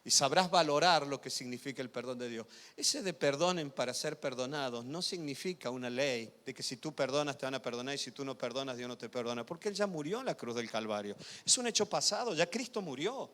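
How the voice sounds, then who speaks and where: A male pastor preaching a sermon, swinging loud emphatic passages to quiet intimate asides and often asking the congregation whether they follow. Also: mid-range voice, expressive, fairly quick, few pauses. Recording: reverberant church hall.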